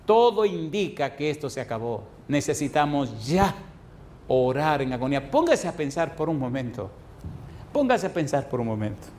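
A man preaching as a pastor, repeating phrases and asking the congregation rhetorical questions, swinging from soft slow passages to loud high emphasis. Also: sing-song, slight background noise. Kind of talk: sermon.

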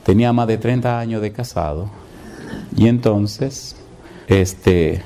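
A man's voice: lowish voice, dark tone, slight background noise. A male preacher telling stories in a sermon and firing rhetorical questions at his congregation.

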